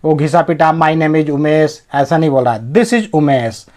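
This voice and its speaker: A man with a somewhat high voice giving an English reading lesson in Hindi. He goes through the text word by word and reads the English sentences slowly and carefully. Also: darkish tone. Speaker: English teacher.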